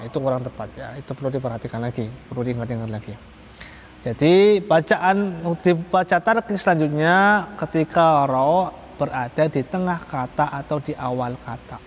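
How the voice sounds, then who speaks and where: A man teaching Quran recitation rules in a patient, repetitive way, drawing out the example words slowly. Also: on the high side, a little hiss or hum. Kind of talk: religious study lesson. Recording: long reverb from a hall.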